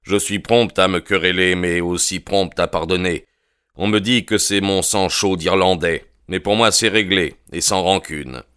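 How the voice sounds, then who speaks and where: A man's voice: deep voice, measured pace, a bit bright, clean tone. A man voicing a hot-tempered young Irish newcomer in an audiobook, speaking bluntly and forthrightly. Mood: conciliatory. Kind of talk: audiobook character reading.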